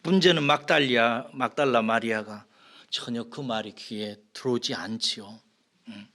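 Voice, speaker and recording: Bright-voiced male pastor preaching. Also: mid-range voice, moderate pace. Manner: conversational preaching, asks the congregation questions and answers them; swings between loud emphasis and soft whispered lines. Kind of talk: expository sermon.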